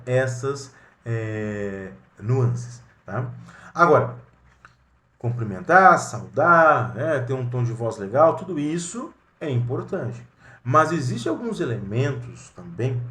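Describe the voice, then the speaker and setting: A man's voice: mid-range voice, fairly bright tone, echoey room. A man with a Brazilian Portuguese accent giving a recorded lesson on phone customer service, talking conversationally with many fillers and acting out short phone greetings. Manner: demonstrates with brief role-played phone greetings. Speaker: teacher.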